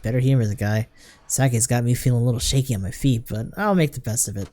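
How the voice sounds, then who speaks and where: A man's voice: medium pitch, fast talker, mellow, close to an everyday voice. A man reading game dialogue aloud, voicing a mild, reasonable grown man.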